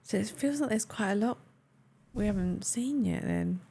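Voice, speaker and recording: Gravelly-voiced woman, chatty. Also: mid-range voice, lively intonation, moderate pace, mellow. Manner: chatty, teasing, laughs easily. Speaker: stream co-host. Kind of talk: casual chat.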